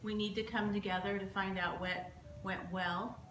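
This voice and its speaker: A woman playing a calm, supportive hospital staff leader in an acted medical training scenario. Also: medium pitch, normal speed, close to an everyday voice. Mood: composed, instructive. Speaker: staff member leading support and debrief. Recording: echoey room, distant mic, noisy.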